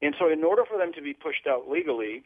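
A man's voice: on the high side, expressive, quick pace, no echo. Man, earnest guest, phone-line sound, dry. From Portugal. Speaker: guest, children's ministry leader. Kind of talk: phone-in radio interview.

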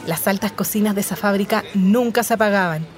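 A young Chilean woman with a Chilean accent, calmly narrating her own life story in a scripted, reflective way. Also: mid-range voice, fairly quick. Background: music under the voice.

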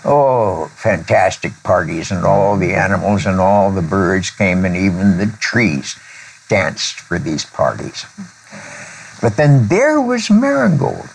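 An older man tells a children's story slowly and carefully. His voice sits low but moves a lot in pitch. He stops to clear his throat now and then, and faint noise sits behind him. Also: big pitch swings, rough recording. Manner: slow, deliberate storyteller who clears his throat and pauses often. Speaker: author and former preacher. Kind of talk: telling a children's story in a conversation.

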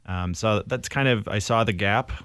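A man's voice: lowish voice, normal speed, a bit bright, smooth, no echo, studio quality. A man working as a filmmaker, answering in a thoughtful, casual way. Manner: thoughtful, casual, many fillers. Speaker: filmmaker guest. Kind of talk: interview answer.

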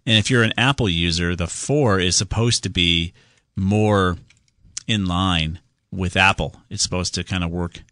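A man's voice: sits low, a little slow, pushed and bright, no echo, studio quality. A man hosting a radio call-in show, casually explaining computer fixes step by step. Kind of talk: casual call-in tech advice.

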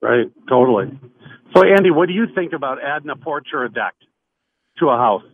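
A man's voice: medium pitch, lively intonation, a little fast, no echo. Man on a crackly phone line. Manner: rambling, loose, full of fillers and restarts. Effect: crackly phone line that fades in and out. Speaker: realtor calling in to a radio show. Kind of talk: casual phone-in chat. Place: outdoors in the mountains. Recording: tinny, narrow phone line.

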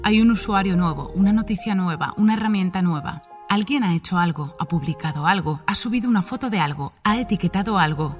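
A woman reading a scripted narration with a steady, listing rhythm. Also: lowish voice, brisk, faint music behind.

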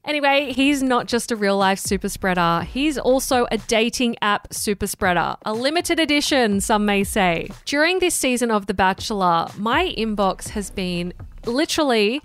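A woman's voice: on the high side, animated, moderate pace, smooth, dry recording. Arch, insinuating Australian woman dishing gossip. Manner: mock-dramatic, sarcastic emphasis. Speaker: gossip podcast host. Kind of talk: scripted gossip narration with read-out messages.

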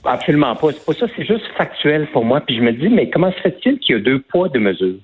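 A man's voice: on the high side, very animated, quick pace, a loud crowd. A man with a Québécois French accent, a guest giving an interview, talking reflectively and emphatically with many restarts. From Quebec. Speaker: guest, actor. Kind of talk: phone-in interview. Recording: tinny phone line.

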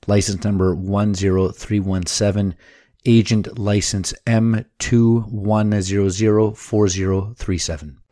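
Guy reading out a podcast legal disclaimer, low mellow voice, really dry sound. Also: steady tone, measured pace, no room sound. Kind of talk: scripted legal disclaimer read.

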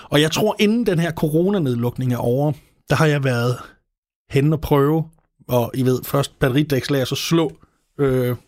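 A man's voice: mid-range voice, a little mellow, no room sound, studio quality. A man from Denmark hosting a podcast, chatting with playful, ranting exaggeration. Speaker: podcast host. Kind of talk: comedic casual chat.

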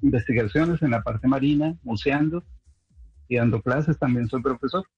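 Husky Bogotá caller on a muffled line. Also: male voice, medium pitch, moderate pace, no room sound, soft background music. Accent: Bogotá Spanish. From Bogotá, Colombia. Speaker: caller, marine biologist. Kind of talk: phone-in conversation. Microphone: telephone.

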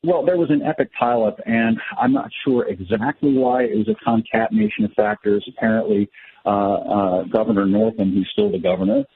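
Male commentator guest, husky and lively in pitch, wordy sardonic delivery, muffled radio sound. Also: a little fast, no room sound. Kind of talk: conversational commentary. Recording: dull lo-fi radio audio.

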